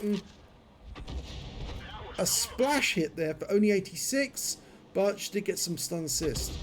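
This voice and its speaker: A man's voice: sits high, a little mellow, a little hiss or hum. A man commentating on a video game, his speech slurred and clumsy from a numb, frozen jaw. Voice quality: slurred, numb-jawed speech from dental infection.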